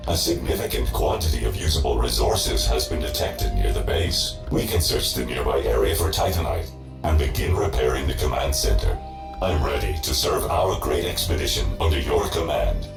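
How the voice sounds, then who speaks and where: A man's voice: very deep voice, expressive, moderate pace, gravelly, exaggerated voice. A man voicing a rusty, malfunctioning male robot assistant in a video game who reports formally and loyally to his leader. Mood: dutiful. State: glitching, stuttering on boot-up. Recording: roomy echo with game music.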